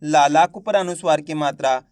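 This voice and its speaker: Man, teacher, high voice, dry close sound, asks and answers himself, slow careful enunciation. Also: a little mellow, smooth, dry recording. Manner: addresses viewers as friends, slow careful enunciation. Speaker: Hindi reading teacher. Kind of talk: online reading lesson.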